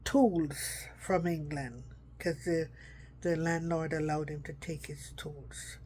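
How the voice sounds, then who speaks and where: A woman's voice: low-pitched, steady tone, slow, darkish tone, a little hiss or hum. Rambling middle-aged woman telling a story. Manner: rambling, keeps circling back with "anyhow". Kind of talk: casual personal storytelling.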